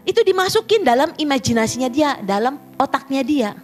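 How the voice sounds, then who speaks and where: Animated high-voiced woman pastor preaching. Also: brisk. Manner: animated, often addressing the congregation directly. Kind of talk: sermon.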